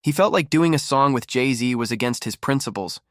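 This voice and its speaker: A man's voice: mid-range voice, moderate pace, no echo. Man narrating scripted gossip, dry close sound.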